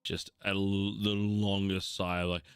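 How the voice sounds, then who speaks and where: A man's voice: sits low, little pitch movement, a little slow, clear, resonant tone, no echo, clean studio sound. An Australian man narrating as game master of a tabletop game, laughing and swearing casually.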